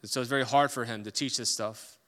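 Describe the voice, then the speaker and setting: A man preaching a sermon as a pastor, emphatic, swinging between loud stressed points and quiet asides. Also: mid-range voice, steady tone, a little fast, in a large hall.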